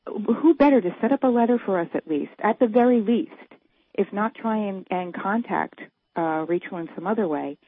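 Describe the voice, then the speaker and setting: A woman's voice: mid-range voice, no room sound. Woman caller on a tinny phone line. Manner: earnest and urging, with quick restarts. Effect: heard over a phone line on a radio show. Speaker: radio show caller. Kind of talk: casual call-in chat.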